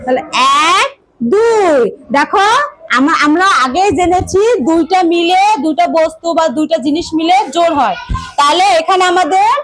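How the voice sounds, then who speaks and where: A woman's voice: extremely high pitch, normal speed. A woman from Bangladesh teaching young children in a classroom, patiently repeating instructions and asking questions. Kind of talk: classroom lesson for small children.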